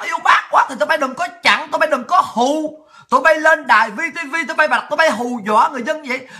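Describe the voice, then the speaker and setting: A woman rants to her livestream audience in a very high, sharp and cutting voice. She is furious throughout, hurling insults and often shouting. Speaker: political livestream host. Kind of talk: angry political rant.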